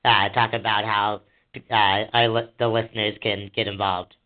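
A man's voice: fairly low pitch, level tone, moderate pace. A man, a guest on an upcoming interview, chatting agreeably and hesitantly over a speakerphone, with many fillers. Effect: heard over a speakerphone. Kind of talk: casual call before an interview. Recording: tinny speakerphone line.

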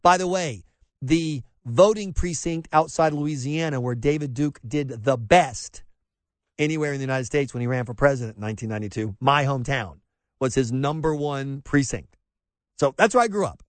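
A middle-aged man from rural South Carolina hosts a talk radio show, delivering an impassioned opinion monologue full of restarts and mocking asides. His mid-range voice has lively intonation and a moderate pace, captured dry on a close studio mic.

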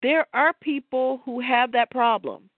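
A woman talks through her thoughts on faith at an unhurried pace, wandering a little and laughing easily along the way. The sound is thin and phone-like, with no room echo. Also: sits high. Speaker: podcast co-host. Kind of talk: casual faith talk. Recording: tinny phone-like line, dry.

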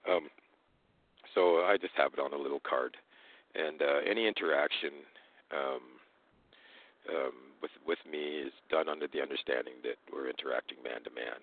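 Man, very low and gravelly, toothless slightly slurred articulation, casual explanatory delivery on a narrow phone-like connection. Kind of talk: casual explanatory talk with hesitations. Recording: narrow, tinny phone-like line.

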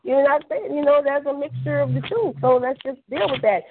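A woman's voice: high-pitched, a little fast, a little hiss or hum. A woman talking in a casual phone-call chat, blunt and emphatic, repeating herself for weight and throwing in curse words. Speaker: podcast caller discussing history. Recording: tinny phone line.

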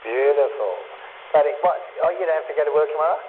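A man's voice: on the high side, fast talker. An Australian man chatting casually over CB radio in a folksy, rambling, mildly sweary way. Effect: CB radio transmission. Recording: tinny narrowband CB radio with hiss.

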